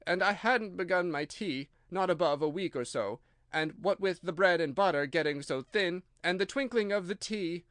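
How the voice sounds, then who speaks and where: A man's voice: high-pitched, moderate pace, fairly bright tone, no echo, studio quality, pitched above the performer's own voice. A man voicing a nervous, fidgety hat-maker who pleads in a trembling voice in a storybook reading. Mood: anxious.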